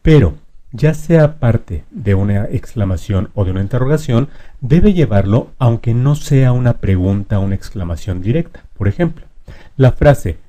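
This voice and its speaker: A man teaching a grammar lesson, explaining rules clearly and reading his example sentences out slowly. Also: medium pitch, expressive, mellow.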